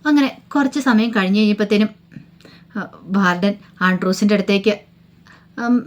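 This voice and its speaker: A woman's voice: medium pitch, moderate pace. A woman casually retelling a TV serial episode, chatty, with rhetorical questions and humming fillers between sentences. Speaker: storyteller recapping a TV serial. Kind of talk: casual spoken story recap.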